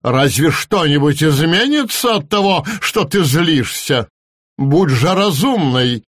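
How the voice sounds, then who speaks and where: A man's voice: fairly high pitch, expressive, takes it slowly, fairly bright tone, no room sound, studio quality, full character voice. A man voicing a preachy, grumpy old male raven in a storybook reading. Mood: lecturing. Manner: scolding, lecturing.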